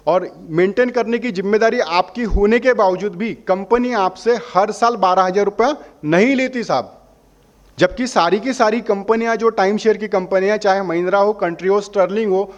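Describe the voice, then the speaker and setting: A man's voice: high-pitched, muffled recording. A man representing a holiday membership company, answering customers' questions and persuading them by asking questions and answering them himself. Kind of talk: explaining a sales pitch to customers.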